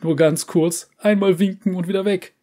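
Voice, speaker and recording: A man's voice: sits high, fairly even intonation, normal speed, warm tone, pitched above the performer's own voice. A man voicing a cheerful, pushy elderly male yordle uncle who coaxes relentlessly in a storybook reading. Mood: coaxing.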